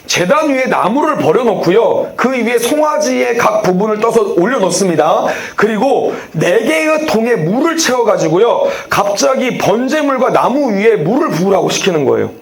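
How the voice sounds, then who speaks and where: A man's voice: high-pitched, very animated, normal speed, gravelly, few pauses. A man preaching a sermon as pastor, talking animatedly and putting questions straight to the congregation.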